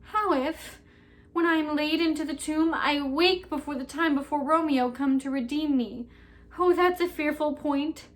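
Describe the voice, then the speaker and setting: A woman's voice: high-pitched, unhurried. A woman performing Juliet's potion speech as a frightened young woman, in a dramatic classical style. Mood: fearful. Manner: fearful, dramatic, swings from hush to cries. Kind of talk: Shakespeare monologue performance.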